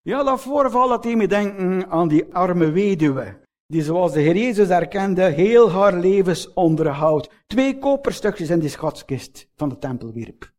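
A man with a Flemish accent preaching a sermon, earnestly asking his listeners rhetorical questions, lifting some phrases with emphasis and dropping others to a low, slow hush. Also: lively intonation. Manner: swings between raised emphatic phrases and low, slowed, hushed endings.

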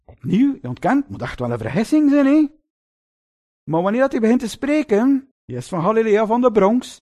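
A man preaching a sermon, telling the story vividly and often turning to his listeners with little questions. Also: high voice. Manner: lively storytelling, addresses listeners with "lieve mensen" and tag questions.

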